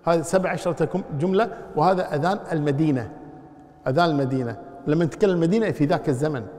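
A man's voice: on the high side, rapid-fire, a little mellow, long reverb tail. A man teaching Islamic law, explaining step by step and putting questions to his class. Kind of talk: lecture explaining a text.

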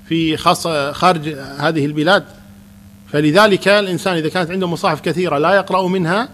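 A man, a Quran teacher calmly answering questions in a religious lesson. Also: high voice, a little hiss or hum.

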